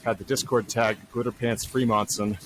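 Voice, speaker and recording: A man's voice: on the low side, steady tone, normal speed. Wry man, noisy recording. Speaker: podcast co-host. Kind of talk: casual chat.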